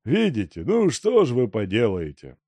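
A man playing a worried old merchant father who frets and pleads in a lively, gravelly voice, in a storybook reading. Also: medium pitch, moderate pace, dry recording, full character voice. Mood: exasperated. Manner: fretful, pleading.

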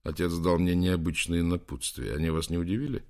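A man voicing a caring young prince in an audiobook, speaking quietly and tenderly. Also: low-pitched, steady tone, fairly quick. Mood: wistful.

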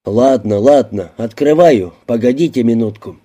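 A cowering little man, stammering and pleading in a shaky, dark, mellow voice, as a male audiobook reader puts him on. He keeps tripping over his first words in fear. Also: medium pitch, normal speed, husky, lightly acted. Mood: nervous. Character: timid stammering small middle-aged man, terrified. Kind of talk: audiobook character voicing.

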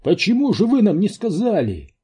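A man voicing a pushy, panicky male expedition boss who yelps his lines in a high, strained voice. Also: very animated, unhurried, dark tone, husky, exaggerated voice. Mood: demanding. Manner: shrill and anxious.

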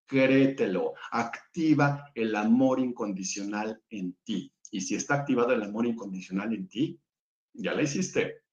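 A man who is a spiritual guest speaker answers audience questions and leads a calm guided visualization, talking in repeated lists with small restarts. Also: on the low side, measured pace. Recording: roomy, dull lo-fi sound.

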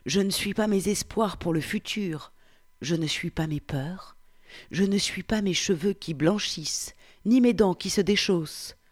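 A woman reading the part of a 47-year-old Frenchman, reciting in a slow, hushed, meditative way. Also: fairly low pitch. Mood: contemplative. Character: 47-year-old French man, pondering who he is. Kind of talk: reading a novel aloud.

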